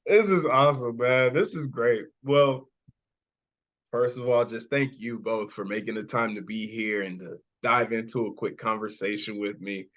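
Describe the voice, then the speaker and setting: An enthusiastic man hosts a podcast interview in a relaxed, chatty way. He greets his guests and cheers them on. The recording sounds a little dull and lo-fi. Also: mid-range voice, normal speed. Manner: upbeat, enthusiastic, frequent praise. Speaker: podcast host. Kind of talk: casual interview chat.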